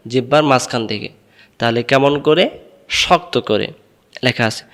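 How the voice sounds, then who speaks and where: A man teaching Quran letter pronunciation, drilling each syllable slowly and asking and answering his own questions. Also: medium pitch, smooth, big-room sound. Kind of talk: slow drilled recitation lesson.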